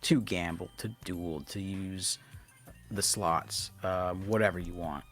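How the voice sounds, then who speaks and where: A man's voice: deep voice, fairly even intonation, takes it slowly, fairly bright tone, soft background music. A man co-hosting a live stream from his computer setup, chatting in a loose, joking way with some swearing. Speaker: co-host of a live stream show. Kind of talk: casual chat.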